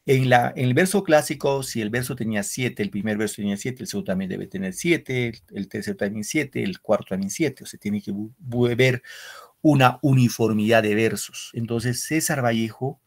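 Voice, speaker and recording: A man's voice: medium pitch, normal speed. A man teaching a secondary school literature class over a video call. He explains step by step, quizzes his students and tags his sentences with "no?". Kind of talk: online class lecture.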